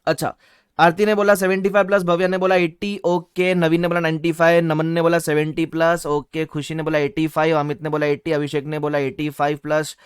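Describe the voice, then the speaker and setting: A man with a Mumbai accent teaching a live online class, energetic, mixing Hindi and English and reading viewer chat aloud. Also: fairly high pitch, fairly quick, clean tone, no room sound, clean studio sound. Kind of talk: live-streamed online lecture.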